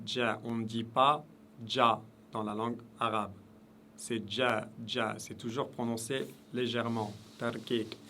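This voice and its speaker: A man gives a pronunciation lesson on Arabic letters, patiently drilling each sound through repetition. His voice is medium-pitched with a fairly bright tone, and there's a slight background noise.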